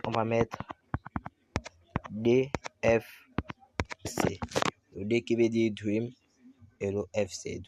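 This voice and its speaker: A man walking viewers through a video game menu step by step, slowly and with lots of repetition. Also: lowish voice. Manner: slow step-by-step explaining, repeats himself. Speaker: gaming tutorial host. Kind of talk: screen-recorded game tutorial. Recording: loud background noise.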